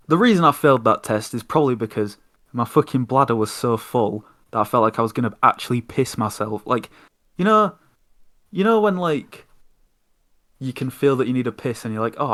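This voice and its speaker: A man's voice: medium pitch, expressive, normal speed, a bit bright. A young man hosting a podcast, telling an exasperated, sweary story in casual chat. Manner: sweary, exasperated ranting anecdote. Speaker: podcast host.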